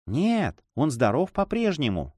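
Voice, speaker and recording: A man reading a story aloud, voicing a frightened young noblewoman who pleads softly and emotionally with her brother. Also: fairly high pitch, wildly swooping pitch, unhurried, no room sound, heavily acted. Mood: worried. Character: anxious young noblewoman, the hero's sister.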